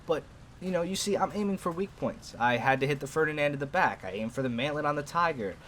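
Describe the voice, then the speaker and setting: A man's voice: a little high, animated, quick pace, fairly bright tone, a little hiss or hum. A young man with a New York accent, a gaming video host chatting casually and rambling to his viewers over gameplay.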